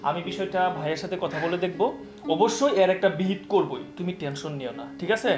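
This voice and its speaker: A man's voice: high-pitched, lively intonation, fast, music in the background. A man playing a coaxing younger brother. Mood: reassuring. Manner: coaxing, reassuring. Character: soothing younger brother, eager to please his wife. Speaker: younger son and husband. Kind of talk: village TV drama acting.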